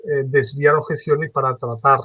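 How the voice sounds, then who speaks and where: A man lecturing as a trainer in a workshop, animated and varying his tone on purpose, with many fillers. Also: mid-range voice, normal speed, no echo, low-quality recording. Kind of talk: workshop lecture on phone customer service.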